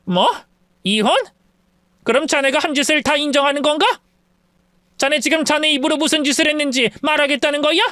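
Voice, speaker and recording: A furious middle-aged mother-in-law, played by a man, scolds in a high, cutting voice. She speaks in sharp demands, recorded dry and close. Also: animated, fast talker, clear, resonant tone, no room sound. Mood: furious scolding.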